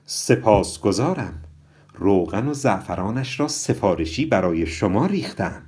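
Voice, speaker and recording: A man voicing a dreamy, touchy young bride who turns shrill and speaks in a drawn-out, polite way. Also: very animated, darkish tone, close to an everyday voice.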